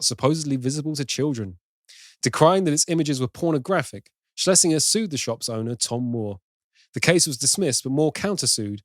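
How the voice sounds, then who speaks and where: A British man co-hosts a film podcast, reading trivia at length in a middle-pitched voice. He breaks off to laugh easily between facts. The recording is dry and close. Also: no echo. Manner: reads trivia in long runs, laughs easily. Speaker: podcast co-host.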